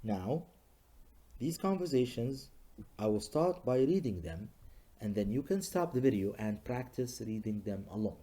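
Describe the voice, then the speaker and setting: A male English teacher giving a recorded lesson to students, talking slowly and patiently and saying each example sentence several times. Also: mid-range voice, big pitch swings, mellow, husky. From Libya. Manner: slow, patient, models sentences by repeating them.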